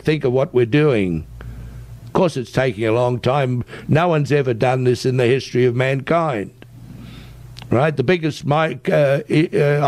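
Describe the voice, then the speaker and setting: An Australian man is being interviewed and explains his views at a medium pitch. He is emphatic and insistent, pressing his points persuasively and tagging sentences with a checking "right?". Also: darkish tone. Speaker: interview guest, tech entrepreneur.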